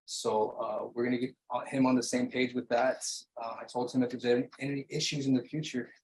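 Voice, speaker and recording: A man's voice: medium pitch, little pitch movement, a little fast, a little mellow, a little hiss or hum, poor audio. A man acting as defense attorney, speaking formally to the judge at a hearing. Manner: formal, repeats "Judge" often. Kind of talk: courtroom address.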